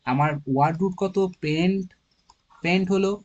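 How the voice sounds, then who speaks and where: A man's voice: high voice, moderate pace, a little mellow, dull audio. A man with a Bengali accent explaining organic chemistry naming, thinking aloud and counting carbon atoms step by step. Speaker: chemistry teacher. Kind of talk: informal classroom lesson.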